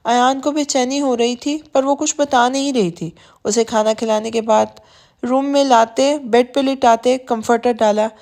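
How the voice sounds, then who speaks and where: A woman narrating a romance novel as an audiobook, reading softly and evenly. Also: a little high, fairly even intonation.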